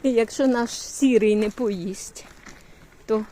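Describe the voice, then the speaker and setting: Older grandma cooing at a little kid outside, slow, bit of faint noise behind. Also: female voice, a little high, warm tone. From Ukraine. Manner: cooing baby talk to a toddler. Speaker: grandmother vlogger. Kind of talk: casual chat while babysitting. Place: outdoors in a yard.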